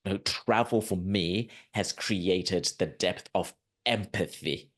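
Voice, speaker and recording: A deep, low-pitched man hosts a conversational podcast interview. He talks in an emphatic, earnest and animated way. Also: takes it slowly. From Zimbabwe. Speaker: podcast host.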